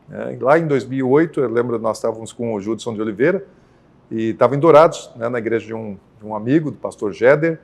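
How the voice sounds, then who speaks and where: A man from Brazil, a senior pastor, recounts a deeply personal faith experience as a podcast guest. He speaks in a mid-range voice, earnest and unhurried. He keeps checking in with his listener through small tag questions. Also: darkish tone. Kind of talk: conversational faith testimony.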